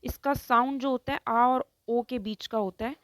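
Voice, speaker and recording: A woman's voice: a little high, steady tone, dry recording. A woman teaching Hindi grammar in an online lesson. She explains step by step, pronounces each example word distinctly and keeps checking in with her students. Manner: slow, explains step by step, keeps asking "ठीक है".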